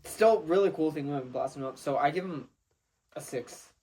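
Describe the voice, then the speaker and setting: A man's voice: on the high side, moderate pace, darkish tone, slightly rough. A young man co-hosting a podcast, answering in a hesitant way with many fillers. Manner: hesitant, lots of ums, laughs along. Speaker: podcast co-host. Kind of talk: casual comedic chat.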